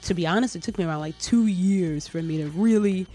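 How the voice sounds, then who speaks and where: A woman hosting a casual interview chat who talks in a relaxed, encouraging way and laughs easily. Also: on the low side, fairly quick. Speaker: host, teacher.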